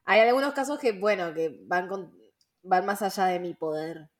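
A woman's voice: fairly low pitch, normal speed. A young woman with a Rioplatense Spanish accent, hosting a casual podcast chat, slangy and full of fillers and laughing asides. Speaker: podcast host.

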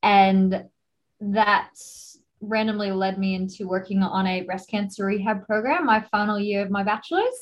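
A woman's voice: mid-range voice, dull audio. A woman in her thirties from the United States with an American accent, chatting as an interview guest with many fillers and frequent laughter. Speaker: guest, exercise physiologist. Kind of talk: casual interview chat.

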